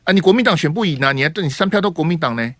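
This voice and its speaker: A man hosting a call-in radio talk show, teasing and grilling his caller with rapid-fire questions. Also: fairly high pitch, animated, fairly bright tone, dry recording. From Taiwan.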